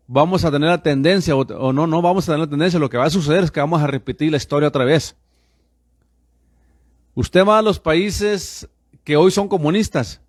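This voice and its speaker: This clean, dry studio recording features a slightly high-voiced radio pastor from the United States, in his fifties. He preaches with fervent insistence and constantly refers to listeners as brothers.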